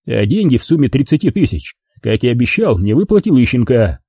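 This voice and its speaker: A man voicing a gruff, grumbling older colonel who talks bluntly. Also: medium pitch, sing-song, a little fast, warm tone, no room sound, clean studio sound.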